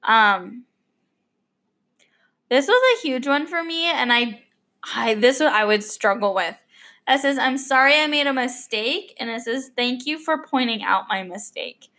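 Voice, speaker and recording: A woman's voice: fairly high pitch, expressive, unhurried, bright, forceful tone. A young woman hosting an unscripted podcast, rambling with lots of fillers and restarts, a little choked up. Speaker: podcast host. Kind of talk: unscripted casual podcast monologue.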